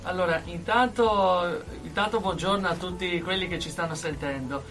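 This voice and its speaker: A young adult man giving earnest, halting interview answers as a guest in a radio studio. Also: sits high, a bit bright, far from the mic, soft background music. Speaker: interview guest, aspiring musician.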